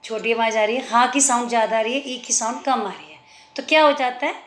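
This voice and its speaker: High bright-voiced woman teaching slowly. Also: reverberant. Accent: Indian. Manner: slow, drawn-out pronunciation of example words. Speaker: Hindi teacher. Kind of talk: children's language lesson.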